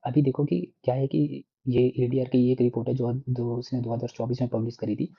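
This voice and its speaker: A man's voice: mid-range voice, flat delivery, brisk, creaky, slightly rough, lo-fi sound. A man teaching an exam prep lesson in a casual explanatory way, often tagging sentences with "na" and restarting words. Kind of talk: explanatory lecture.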